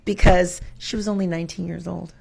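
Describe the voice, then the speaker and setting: Guesting on an interview, a schoolteacher talks fairly quickly in a low, slightly rough voice with vocal fry. Her answers are conversational, reflective and expressive, and she quotes her own thoughts and poses rhetorical questions.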